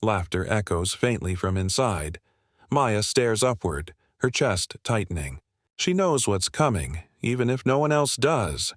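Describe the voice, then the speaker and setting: Grave male narrator, slow and measured, lowish voice, dry studio sound. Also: sing-song, no room sound. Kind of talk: scripted dramatic narration.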